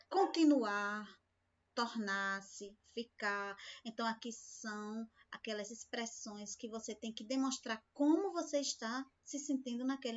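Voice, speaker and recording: A woman's voice: fairly high pitch, lo-fi sound. A woman teacher giving a recorded remote lesson, patient and speaking to the class with many questions. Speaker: school teacher.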